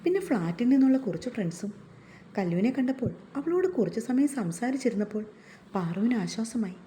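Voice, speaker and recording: Woman narrating a family story, highish soft voice, steady read. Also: a little fast, a little hiss or hum.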